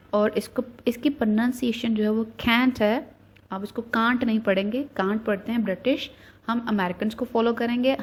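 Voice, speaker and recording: A woman teaching an English grammar lesson. She reads each English example sentence slowly and deliberately, then explains it. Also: fairly high pitch, darkish tone.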